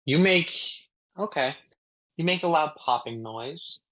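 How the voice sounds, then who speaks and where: A man acting as game master, describing scenes at an unhurried pace with pauses and ums on a live stream. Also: on the high side, animated, a bit bright, low-quality recording.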